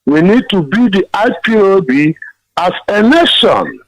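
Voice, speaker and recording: A man's voice: high-pitched, sing-song, a little slow. Earnest male caller on a phone line. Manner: earnest, emphatic, repeats key phrases. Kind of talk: call-in question on a live broadcast.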